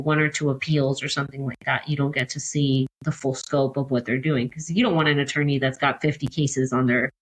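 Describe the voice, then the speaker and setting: An American woman with a low voice appears as a podcast guest, explaining things conversationally as a court-watch advocate in an interview. The recording is low-quality.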